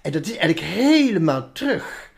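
Woman illustrator, reflective interview talk, lowish voice. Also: big pitch swings, normal speed, vocal fry, a little mellow. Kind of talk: interview conversation.

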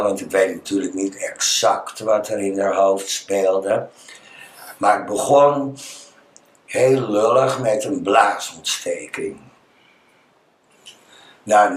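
A Dutch man, appearing as an interview guest, tells personal stories conversationally, halting as he searches for words. His voice is lowish. The recording is echoey, in a reverberant room.

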